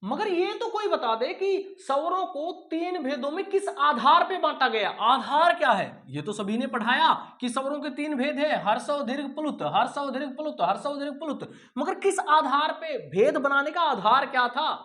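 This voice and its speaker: A man's voice: very high voice, expressive, moderate pace, hardly any pauses, sharp tone. Guy teaching hindi grammar for exams, keeps repeating words, asks stuff then answers it himself, calls students beta and bhai. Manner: repeats key words, asks and answers his own questions; addresses students familiarly as son and brother. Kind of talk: exam-prep grammar lesson.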